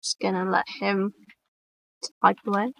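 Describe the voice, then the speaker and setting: A woman's voice: medium pitch, level tone, unhurried, vocal fry, fairly bright tone. A woman, co-hosting a stream in casual, blunt chat and reading posts aloud. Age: 20s. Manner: chatty, blunt, swears casually. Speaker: stream co-host.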